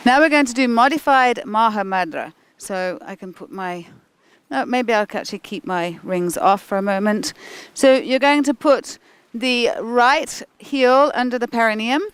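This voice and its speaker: A woman's voice: on the high side, measured pace, clean tone, dry recording. A woman leading a guided kundalini yoga class as the instructor, encouraging and informal, with chatty asides between directions.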